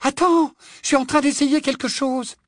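A man voicing a quick-witted, anxious teenage girl witch in an audiobook, talking briskly. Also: very high voice, steady tone, fairly bright tone, dry recording, clean studio sound, voice pushed up.

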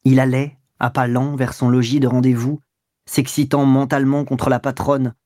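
A man narrating a classic novel in a measured, even storytelling voice. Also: medium pitch, no echo. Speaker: audiobook narrator. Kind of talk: literary audiobook narration.

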